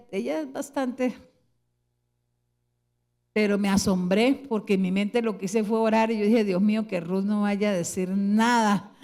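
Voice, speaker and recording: A middle-aged woman pastor with a Colombian Spanish accent preaching a sermon, slowing into soft, prayerful tones and then rising with emphasis. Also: mid-range voice. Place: church sanctuary.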